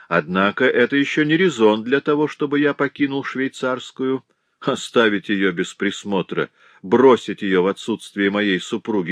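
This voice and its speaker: A fussy, prudish concierge, played by a male reader mutters worries to himself in a low voice. He turns indignant and raises his voice in protest. The sound is dry and close, as in an audiobook. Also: no room sound. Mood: fretful musing. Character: fussy, prudish middle-aged male porter, easily flustered.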